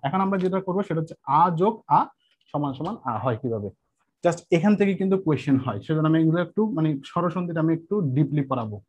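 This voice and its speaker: Male teacher, slightly high voice, patient and repetitive, dull lo-fi recording. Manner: patient, repeats each step with "ঠিক আছে?" checks; slows to spell out examples. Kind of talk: exam-prep grammar lesson. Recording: muffled lo-fi sound.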